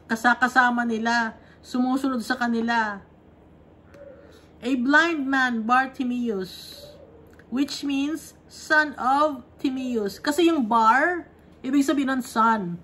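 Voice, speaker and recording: Higher-voiced woman teaching a Bible lesson. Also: takes it slowly, a bit bright, a little hiss or hum. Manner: explains verse by verse, often checking in with tag questions. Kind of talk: conversational Bible study lesson.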